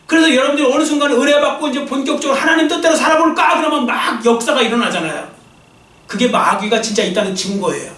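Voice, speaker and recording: A man preaches with a strikingly high voice, pressing his points hard and turning to the congregation with quick jokes. He is picked up from some distance away, so his voice carries the echo of a church sanctuary. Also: a bit bright. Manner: emphatic preaching, addresses congregation directly, jokes with them. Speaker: pastor. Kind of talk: sermon.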